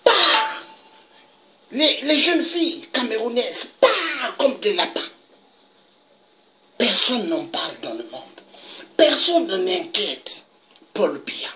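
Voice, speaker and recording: A woman's voice: bright, forceful tone, a little hiss or hum. A woman delivering an impassioned political monologue, emphatic and indignant. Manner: emphatic, indignant, with dramatic pitch leaps. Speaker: political commentator.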